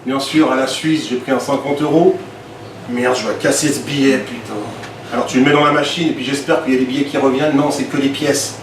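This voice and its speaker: Stand-up comic, man, 40s, from Switzerland, quick asides, far mic in an echoey, noisy club. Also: medium pitch. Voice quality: lively, quick asides with laughs to the crowd. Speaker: stand-up comedian. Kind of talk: stand-up comedy set. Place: comedy club stage.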